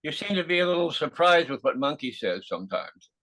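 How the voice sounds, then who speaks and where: A man interviewing casually, with a hesitant, halting way of putting things. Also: a little high, big pitch swings, a bit bright, low-quality recording.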